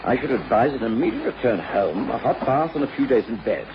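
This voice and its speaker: An actor playing a gentlemanly doctor who narrates a detective case in a radio drama, formal and courteous. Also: male voice, mid-range voice, animated, fairly quick, background noise, natural voice. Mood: concerned. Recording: muffled radio recording with music.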